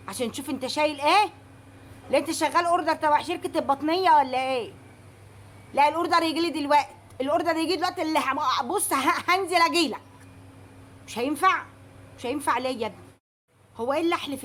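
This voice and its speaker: An Egyptian woman with a high, bright-pitched voice talks quickly into a phone, in a one-sided call. She fires off questions in an indignant, exasperated way, pressing the other person again and again. The mood stays heated and incredulous throughout. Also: slight background noise. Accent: Egyptian Arabic. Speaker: mother, vlogger.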